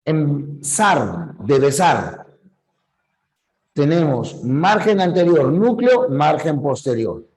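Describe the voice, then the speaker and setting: A man's voice: on the high side, sing-song, drawn-out words, creaky, darkish tone, rough recording. A man teaching a grammar lesson, explaining patiently and repeating key points, correcting himself when he slips. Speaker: language teacher. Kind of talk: slow classroom lecture.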